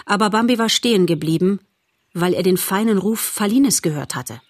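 A woman narrating a storybook audiobook in a measured, expressive storytelling voice. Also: medium pitch, no room sound.

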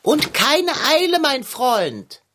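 A woman's voice: high-pitched, sing-song, takes it slowly, fairly bright tone, a little hiss or hum, exaggerated voice. A woman voicing a plump, scheming male tomcat who talks in theatrical, old-fashioned phrases and turns wheedling and mock-innocent. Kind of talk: children's radio play acting.

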